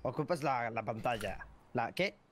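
A man's voice: mid-range voice, animated, measured pace, a bit bright, a little hiss or hum. A man streaming a game roleplay, joking crudely and swearing a lot in character.

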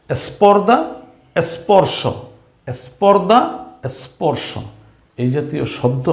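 A man teaches beginners to read, slowly drilling each letter and syllable and asking questions as he goes. His voice sits fairly high and swings up and down with animation. The recording carries a roomy echo. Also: a little mellow. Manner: slow, patient, repeats and drills syllables, asks questions. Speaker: Bengali reading teacher. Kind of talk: spelling lesson for beginners.

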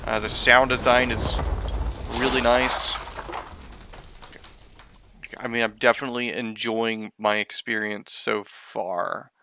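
A man's voice: medium pitch, flat delivery, slow pace, creaky, long pauses, bright, forceful tone, a little hiss or hum. A man giving casual gameplay commentary in a musing, wryly jokey way. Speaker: gaming video commentator.

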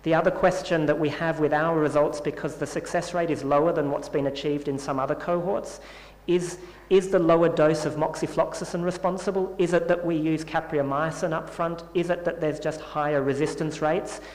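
A man giving a scientific conference talk and answering questions in a measured, explanatory way. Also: on the high side, fairly even intonation. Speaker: conference presenter. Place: conference hall. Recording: echoey conference hall with long reverb.

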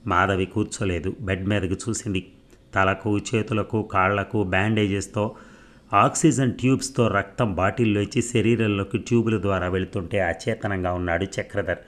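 Narrating at a normal speed, a man with a deep, low voice delivers a serialized novel evenly and steadily, a tone that fits a lengthy audiobook reading.

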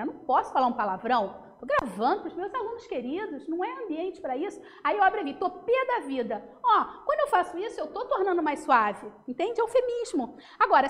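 High-pitched brazilian teacher lady, chatty and lively, lots of "né?", room reverb behind her. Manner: lively, chatty, asks "né?" often. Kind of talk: recorded classroom lesson. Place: home.

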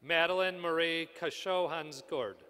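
A man's voice: fairly high pitch, measured pace, clear, resonant tone. A man announcing graduates' names one by one at a commencement. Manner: steady, announcing each name in turn. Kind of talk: reading names at a ceremony. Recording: arena reverb with crowd.

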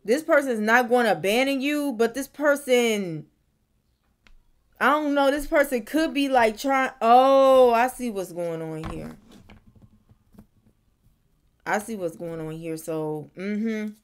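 Young woman tarot reader, slightly high voice, thinks aloud and repeats lines, bedroom to camera. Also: slow pace, pauses often. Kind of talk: casual tarot reading to camera. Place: bedroom, indoors.

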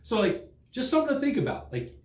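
A middle-aged sales trainer stands at a desk before a green screen, teaching straight to a fixed camera in a studio. His voice is extremely high and fast, the room reverberant, and he's animated and conversational, acting out what customers say.

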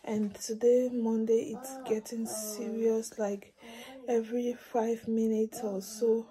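A woman's voice: fairly high pitch, flat delivery, slow, crowd noise, poor audio. Woman vlogger, casual and chatty, speaks straight to her audience. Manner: chatty, addresses viewers directly. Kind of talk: casual vlog update to camera.

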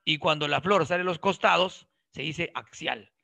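A man lecturing a biology class, quizzing his students and cracking jokes as he goes. His voice sits a little high and sounds bright and gravelly. It is recorded close and dry, with no room sound. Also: moderate pace, dry recording. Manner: lively, questioning students directly and joking. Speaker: biology teacher.

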